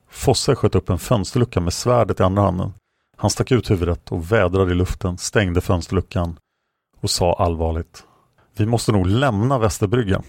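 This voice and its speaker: A man narrating a fantasy audiobook in a steady, measured read. His voice is low and gravelly with a dark tone. The recording is dry and close. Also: no echo.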